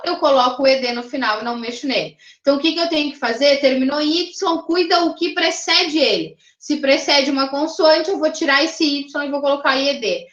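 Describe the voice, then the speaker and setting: High-voiced teacher in an echoey room. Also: female voice, fairly bright tone, dull audio. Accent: Brazilian Portuguese. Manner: explanatory, checks in with "tá?" and "né?". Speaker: English teacher. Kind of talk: online class lecture.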